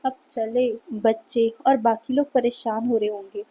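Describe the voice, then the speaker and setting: A woman's voice: on the high side, steady tone, measured pace, mellow, breathy edge, rough recording. Woman reading as a cheeky, teasing young man. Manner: teasing, mocking. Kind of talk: fan fiction read-aloud.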